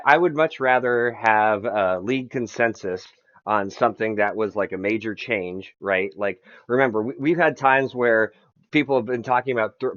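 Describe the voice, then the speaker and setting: A man's voice: mid-range voice, a bit bright, lo-fi sound. A man chatting casually on a podcast as the league's commissioner, rambling, repeating words and swearing freely.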